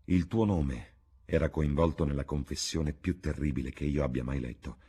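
Worried older painter type, low husky voice, earnest pleading tone. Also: male voice, moderate pace, mellow. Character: grave, troubled painter, older male friend. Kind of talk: audiobook reading.

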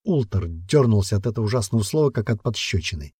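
Low, husky male audiobook narrator. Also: expressive, fast talker, warm tone, no echo. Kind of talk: scripted narration.

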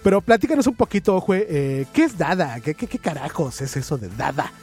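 Husky, lively man on radio. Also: on the high side, a little fast, soft background music. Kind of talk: poetry reading and radio chat.

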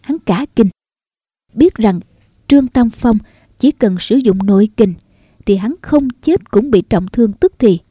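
Mellow-voiced woman narrating a novel. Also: fairly high pitch, no room sound, studio quality. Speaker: audiobook narrator. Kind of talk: scripted narration of a martial arts novel.

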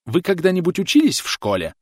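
A man voicing a prim, indignant female schoolteacher in an audiobook, talking in a shrill, huffy and outraged manner. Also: huge pitch swings, fast, a little mellow, no echo, clean studio sound, full character voice.

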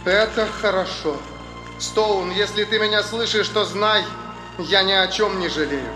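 A man voicing a frightened young woman trapped in a capsule, speaking quietly and tremulously through a muffled speaker. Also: sits high, measured pace, voice pushed up. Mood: trembling. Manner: trembling, breathy, quiet. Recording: roomy echoey hall with loud music.

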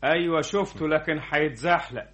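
A man playing a fawning, scheming deputy manager with an Egyptian accent, flattering and insinuating, in an old radio comedy-drama. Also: a little high, brisk, lightly acted. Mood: sly, insinuating.

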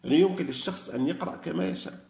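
Fast-talking man lecturing. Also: on the high side, vocal fry, echoey room. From Algeria. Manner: animated, argumentative, asks rhetorical questions. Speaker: lecturer on Quran study. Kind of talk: religious lecture.

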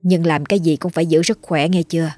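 A woman's voice: low voice, fairly even intonation, fast talker, dry recording, faint music behind, close to an everyday voice. Woman doing a frail, whispery old mother. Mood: tender. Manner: weak, whispery and soft. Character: frail elderly mother, gentle and soothing.

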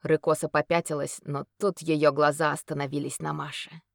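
A woman reading a fantasy story aloud in a steady, expressive audiobook narration. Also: low voice, moderate pace, gravelly, no room sound, studio quality.

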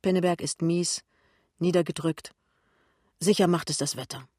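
A man's voice: a little high, moderate pace, dry recording. Man reading a novel aloud, dry sound. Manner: steady, plain storytelling. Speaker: reader. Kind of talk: literary reading.

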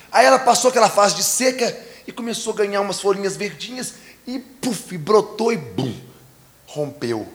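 A preacher tells a story at a youth congress. He speaks in a slightly high, lively voice. He acts out the action with sound effects. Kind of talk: storytelling sermon. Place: conference stage.

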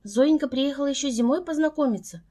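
A woman plays a fussing older mother whose voice sits a little higher. She speaks tenderly and tearfully, in an audiobook reading. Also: fast, warm tone, natural voice.

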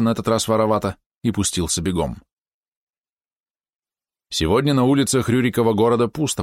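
A man narrating an audiobook in a measured, expressive storytelling manner. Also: low-pitched, dry recording, studio quality. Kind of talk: scripted narration.

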